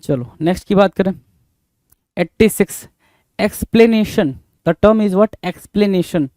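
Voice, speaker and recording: Male tutor, higher voice with a mellow tone, spells words slowly and repeats them, recorded dry and close. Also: no echo. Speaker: teacher. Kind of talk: exam-prep spelling lesson.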